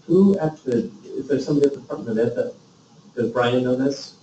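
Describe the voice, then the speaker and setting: A man's voice: mid-range voice, brisk, dark tone, a little hiss or hum. A man in a committee meeting discussion, speaking earnestly and trailing off at the end of his points. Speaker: committee member. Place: meeting room. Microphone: distant room mic. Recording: dull, echoey meeting room from far off.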